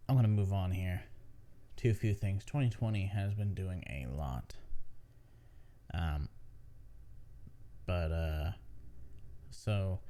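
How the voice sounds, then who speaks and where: A man's voice: low-pitched, dark tone. A tired man hosting a casual gaming news podcast, rambling with many fillers and restarts. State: tired, yawning. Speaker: podcast host.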